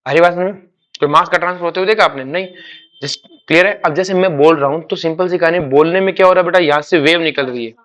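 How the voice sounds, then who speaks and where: A man's voice: on the high side, a bit bright. A man teaching a chemistry class, explaining with homely examples and often asking students to repeat key words. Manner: asks quick check questions and repeats key words; calls students "beta", uses homely examples. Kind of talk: classroom lecture.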